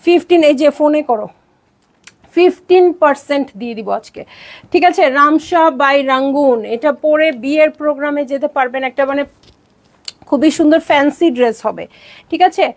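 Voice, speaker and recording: A woman's voice: high voice, normal speed. A young Bangladeshi woman selling dresses on a live stream, chatty and bubbly, often slipping in English words. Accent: Bangladeshi Bengali. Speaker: online clothing seller.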